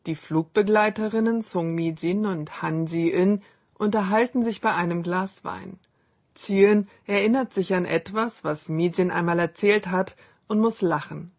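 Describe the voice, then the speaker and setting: A woman hosting a scripted radio language lesson, reading model phrases slowly and clearly. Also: mid-range voice.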